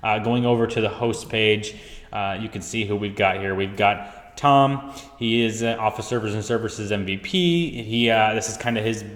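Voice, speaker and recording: A man's voice: fairly low pitch, moderate pace, fairly bright tone. A man hosting a casual tech news recap, chatty and joking at his own expense, recorded in an empty house with a big, hall-like echo. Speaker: show host. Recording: echoey empty house with long reverb.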